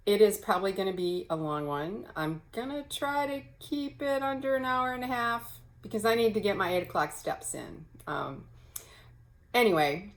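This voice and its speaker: A woman with a somewhat low voice chats casually to camera at home, showing her stitching. She rambles, filling pauses with ums and correcting herself as she goes. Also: poor audio. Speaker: cross-stitch vlogger. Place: home, early morning.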